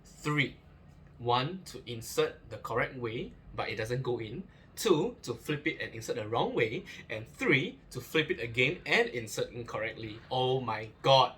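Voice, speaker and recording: A man's voice: mid-range voice, expressive, normal speed, bright, forceful tone, a little hiss or hum. A young man talks casually through an unboxing review, chatty, with many fillers, restarts and joking asides. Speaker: gear reviewer.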